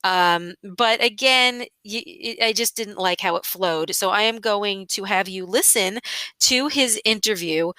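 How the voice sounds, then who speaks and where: A woman's voice: medium pitch, a little slow, sharp tone, no echo. A woman hosting a podcast, giving a chatty, casual introduction with frequent hesitations. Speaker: podcast host.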